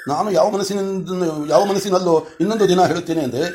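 A man's voice: sits high, quick pace, a little mellow, close to an everyday voice. A man reading the part of a loving young mother who speaks tenderly to her small son in a storybook.

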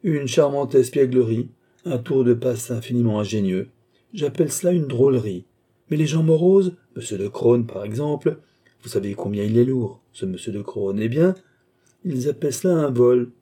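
A man's voice: medium pitch, expressive, moderate pace, warm tone, lightly acted. A man reading an audiobook, voicing a cool, politely mocking nobleman. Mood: suave. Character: suave, cool, ironic nobleman count.

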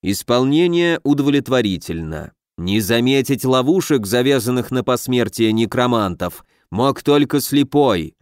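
A man voicing a stern, cold male dark mage teacher in an audiobook, speaking slowly and in a cutting way, a little lower than his own voice. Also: animated, smooth, dry recording, clean studio sound, natural voice. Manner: cutting, slow and measured. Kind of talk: audiobook character voice.

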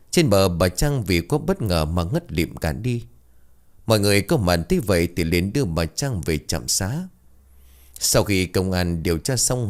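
A man tells a ghost story in a low voice. His pitch swings widely, giving the narration a dramatic, expressive rise and fall.

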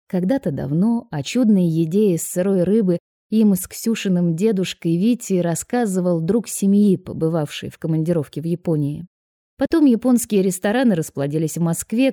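A woman narrating an audiobook in a measured storytelling manner. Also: on the low side, warm tone, dry recording, clean studio sound. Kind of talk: scripted narration.

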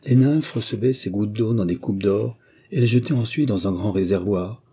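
Deep, dark-toned storyteller man. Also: moderate pace, slightly rough. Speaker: narrator. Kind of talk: scripted audiobook narration.

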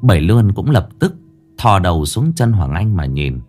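A man narrating a horror story in a dramatic, lively way. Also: sits low, normal speed, music in the background.

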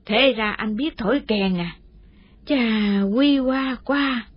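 A talkative old village woman, as a woman narrator puts her on, with a husky voice that drifts and drags out her words. Her tale wanders along in a slow, gossipy way. The audio is dull and lo-fi. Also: fairly high pitch. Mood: eager. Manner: rambling, drawn-out storytelling with fillers. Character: chatty old village woman, sister of the widower. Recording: muffled lo-fi audio.

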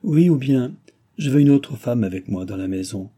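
A man's voice: medium pitch, expressive, moderate pace, dark tone, slightly rough. A man voicing a proud, resolute young woman who answers in short, clipped replies.

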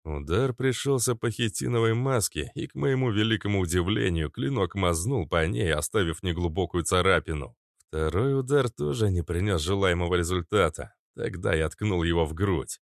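A man narrating an adventure audiobook in the first person, steady and even, on a close studio mic. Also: sits low, normal speed, creaky, no room sound.

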